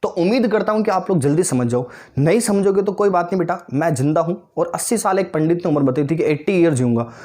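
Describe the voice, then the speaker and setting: His voice is a little high and a little mellow, expressive, and quick. He's a man in his twenties giving an online maths lesson, coaxing pupils he calls "beta" and "bhaiya," repeatedly asking if they understood, and adding jokes.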